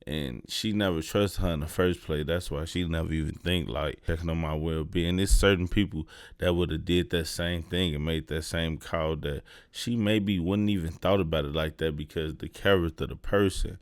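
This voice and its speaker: A man with a deep, low voice hosts his own commentary show. He talks to his viewers in a relaxed, conversational way. The sound is dry and close, with no room around it. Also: normal speed, no room sound. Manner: laid-back, conversational, addresses viewers directly. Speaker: host. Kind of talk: casual commentary on a clip.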